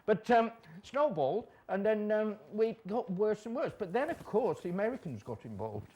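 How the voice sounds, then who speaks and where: A man's voice: high voice, sing-song, moderate pace, warm tone. A man playing a boozy, jolly old Santa Claus on a studio chat show, rambling and making self-mocking jokes.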